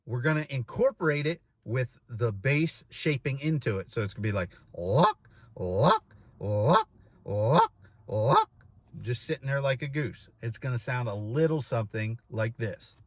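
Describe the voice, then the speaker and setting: A man's voice: medium pitch, normal speed, few pauses, no echo. A man in his thirties giving an informal instructional demonstration, explaining step by step and repeating key phrases. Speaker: goose calling instructor. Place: inside a parked vehicle.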